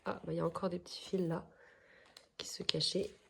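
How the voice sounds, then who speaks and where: A woman's voice: fairly low pitch, little pitch movement, creaky, a little hiss or hum. A woman with a French accent chatting casually as she unboxes craft kits, hesitant and full of fillers. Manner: slow and hesitant, many fillers. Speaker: crafts vlogger.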